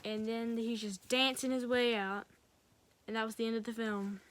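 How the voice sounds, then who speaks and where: A woman's voice: fairly high pitch, steady tone, moderate pace. Rambling woman retelling a film. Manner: rambling, strings events together with "and then". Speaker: film reviewer. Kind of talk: casual film recap.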